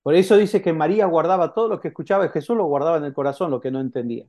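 Mellow-voiced male preacher, conversational. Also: a little high. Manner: conversational, asks the congregation rhetorical questions; halting, with frequent restarts. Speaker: pastor. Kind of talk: sermon.

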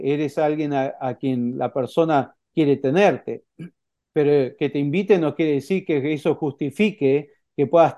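Conversational Rioplatense preacher, dark-toned. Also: male voice, a little high, muffled recording. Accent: Rioplatense Spanish. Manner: conversational preaching with frequent "¿eh?" tags and acted quotes. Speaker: pastor. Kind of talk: sermon.

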